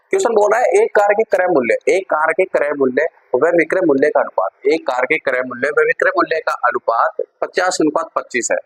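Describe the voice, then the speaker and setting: A man's voice: a little high, fairly bright tone, slightly rough, rough recording. A man teaching a maths lesson to students, who talks them through each step and keeps checking that everyone has understood. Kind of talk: classroom-style maths lesson.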